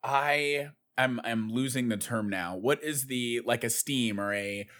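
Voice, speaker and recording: A man's voice: medium pitch, unhurried, fairly bright tone. A man co-hosting a casual podcast, clarifying points in a hesitant, circling way. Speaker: podcast co-host.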